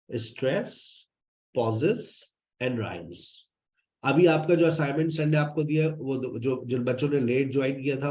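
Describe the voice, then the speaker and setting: A man teaching spoken English in an online class. He speaks slowly and repeats phrases for his students in a fatherly tone. The recording echoes around the room and sounds somewhat muffled and lo-fi. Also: mid-range voice, a little mellow. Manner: repeats phrases to drill students, fatherly, addresses them as "beta". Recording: roomy, dull lo-fi sound.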